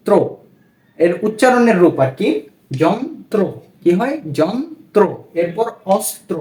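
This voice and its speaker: A man teaching a language lesson, spelling words out slowly and repeating each one, often asking his listeners what the letters make. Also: sits high, a little mellow. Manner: slow, repetitive drilling with rhetorical questions. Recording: roomy echo.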